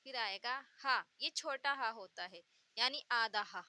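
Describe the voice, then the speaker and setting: A woman's voice: fairly high pitch, measured pace, bright, forceful tone, no room sound. A woman teaching the Urdu alphabet, patiently repeating each letter's sound and giving example words. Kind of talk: slow letter-by-letter pronunciation lesson.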